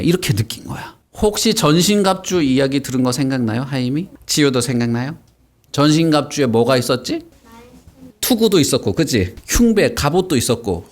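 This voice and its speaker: A man leads a children's Sunday school lesson in a plain, mid-pitched voice. He speaks lively and warmly engaged, tossing questions to the kids and acting out the story. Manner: animated, asks the kids questions.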